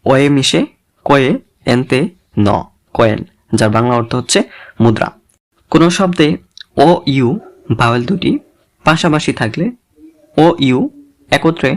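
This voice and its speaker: Male teacher, mid pitch, walks learners through each letter sound at a very unhurried pace. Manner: spells letters then blends sounds, deliberate and repetitive. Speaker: English reading teacher. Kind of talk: slow spelled-out pronunciation lesson.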